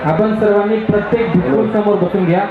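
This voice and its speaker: A man organizing a ceremony, giving directions to a large crowd over a PA loudspeaker. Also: high-pitched, steady tone, fast, very noisy. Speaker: event organizer and announcer. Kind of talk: public announcements at a ceremony. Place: outdoors at a large gathering. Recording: echoey muffled outdoor PA with loud crowd.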